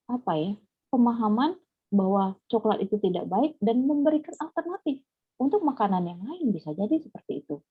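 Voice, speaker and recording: A woman giving a webinar talk on parenting in a chatty, lively way, speaking directly to the mothers listening. Her voice is slightly husky and sits a little high. The sound is thin and phone-like, as if over a video call. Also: no room sound.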